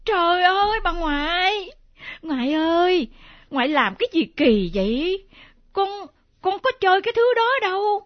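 A woman's voice: very high voice, sing-song, measured pace, dry recording, full character voice. A woman playing a scared, remorseful young grandchild in a radio drama, pleading and sobbing. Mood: protesting. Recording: dull lo-fi old radio recording.

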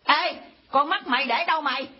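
An actress playing a cantankerous old grandmother who scolds and insults, with a husky voice. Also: sits high, fairly quick, close to an everyday voice. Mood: scolding. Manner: scolding, insulting, mock-sweet. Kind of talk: comedy skit acting. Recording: dull lo-fi recording.

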